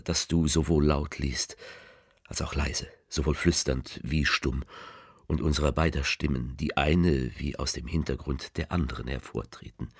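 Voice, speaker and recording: A man voicing a letter writer who speaks tenderly to a loved one, reading slowly and softly in a radio play, often sinking into a near whisper. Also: no room sound, clean studio sound, full character voice. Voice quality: very deep, gravelly, husky. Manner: slow, hushed, often half-whispered.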